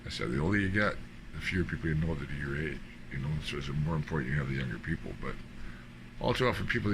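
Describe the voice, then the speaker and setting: An older man with a very deep voice, talking in a rambling, digressive vlog monologue full of fillers. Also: gravelly, noisy background. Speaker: vlogger. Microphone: cheap mic.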